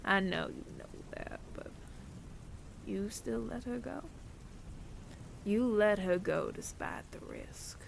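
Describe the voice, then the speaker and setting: In an intimate audio roleplay, a man plays a weary older android bounty hunter showing reluctant mercy, in a full character voice. He speaks breathy and often near-whispered, deliberate and wry, in a quiet, reflective mood. His voice is high, with a little hiss or hum.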